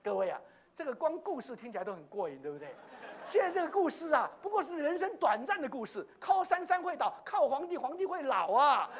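A man preaching a gospel sermon in a church meeting hall, animated and exclamatory, laughing as he tells stories. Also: very high-pitched, brisk.

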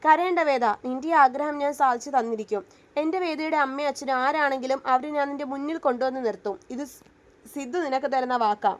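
Woman voicing a steady protective husband, high light voice, firm yet gentle. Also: fast, natural voice. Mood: tender.

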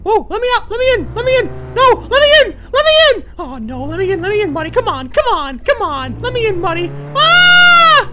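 Squeaky, very high Mickey Mouse voice. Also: male voice, quick pace, few pauses, very noisy. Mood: panicked. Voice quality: squeaky falsetto. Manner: excitable, exclaiming, panics easily. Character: Mickey Mouse, small excitable cheery male cartoon mouse. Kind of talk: in-character video game commentary.

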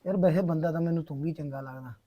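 A bitter, remorseful young kidnapper , played by a man speaks, halting and repeating himself as he confesses. His voice sits a little high and sounds dark. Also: close to an everyday voice. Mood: sorrowful. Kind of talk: short film drama acting.

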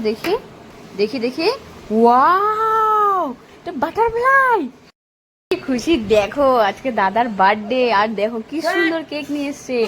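A woman hosts a casual family vlog, her very high voice leaping up and down as she teases and scolds her children. She talks to the children in an animated, playful way. Faint background noise sits under her voice. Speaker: family vlogger and mother.

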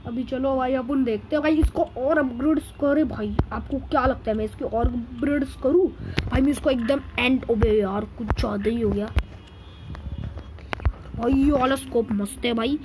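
Brief: a man voicing a squeaky, boastful cartoon cat gamer, rattling off commentary over loud game noise. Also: steady tone, normal speed. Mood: excited chatter. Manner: chattery, calls everyone brother, boastful. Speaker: gaming video host. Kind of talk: in-character gameplay commentary.

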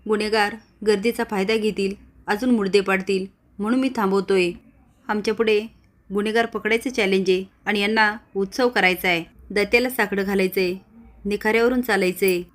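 A woman's voice: medium pitch, fairly even intonation, fairly quick, close to an everyday voice. A woman voicing a stern village police officer. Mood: stern, threatening. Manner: threatening, lecturing.

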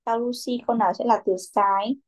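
A young woman teaching a children's English class, with a somewhat high voice. She patiently calls on pupils by name and repeats their answers back to them. She slips English words into her instructions. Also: fairly even intonation, fairly quick, noisy background.

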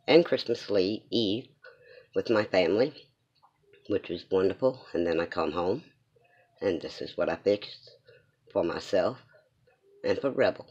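A man's voice: fairly low pitch, darkish tone. A man with a Southern US accent chatting casually to viewers as a home cooking vlogger, in a dull lo-fi recording. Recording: dull lo-fi sound.

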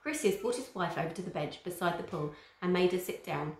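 A woman's voice: lowish voice, expressive, fairly quick. A female teacher reading a children's chapter book aloud, with chatty asides to young listeners. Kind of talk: storybook read-aloud. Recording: roomy echo.

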